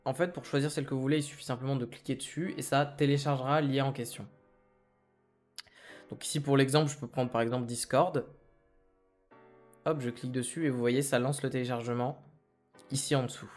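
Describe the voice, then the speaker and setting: A French-speaking man hosting a software tutorial, explaining each step calmly and reassuringly. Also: mid-range voice, brisk, pauses often, soft background music. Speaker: tech tutorial host. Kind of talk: screen-recorded tutorial.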